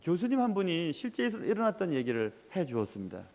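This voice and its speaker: A man preaching a sermon as a pastor, telling stories with lively swings and dropping to a whisper at times. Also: high-pitched, fairly quick, big-room sound.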